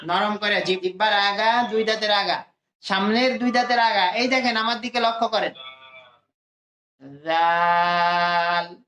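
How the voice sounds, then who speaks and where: Male Quran teacher who drills letters slowly, with a bright, echoey sound and faint music underneath. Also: sits high, steady tone. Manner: slow, drawn-out letter drills for students to repeat. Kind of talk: adult Quran reading lesson.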